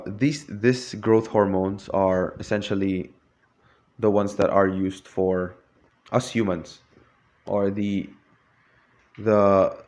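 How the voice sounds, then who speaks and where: A man's voice: fairly low pitch, a little mellow, dull audio. A young man giving a prepared talk to a class, hesitant, with frequent restarts and fillers.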